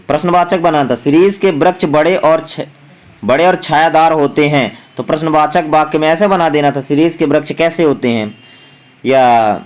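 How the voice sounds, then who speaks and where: A young man teaching, walking students through a school exam paper step by step with hesitant fillers. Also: on the high side. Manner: explains step by step, thinks aloud with fillers. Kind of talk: exam paper walkthrough lesson.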